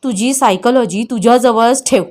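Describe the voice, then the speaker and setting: A woman's voice: fairly high pitch, moderate pace, darkish tone, close to an everyday voice. A woman voicing an angry, contemptuous brother who scolds harshly, in an audio story.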